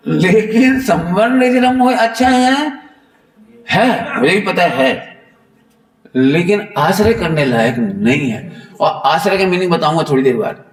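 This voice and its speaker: Man, sermon, fairly high voice, animated, teasing, echoey hall, distant mic. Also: measured pace. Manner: animated, playful, teasing the audience. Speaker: Jain preacher. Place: temple hall.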